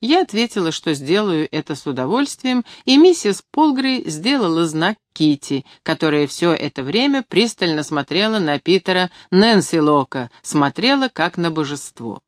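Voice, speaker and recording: Woman audiobook reader, calm first-person narration, dry close mic. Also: on the low side, moderate pace, hardly any pauses, no room sound. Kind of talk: scripted narration.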